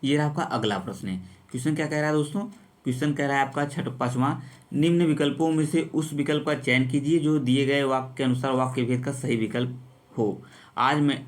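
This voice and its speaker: A man's voice: medium pitch, steady tone, fairly quick. Male exam-prep teacher, recorded quiz lesson, repetitive and chummy with viewers. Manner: repetitive, addresses viewers as friends.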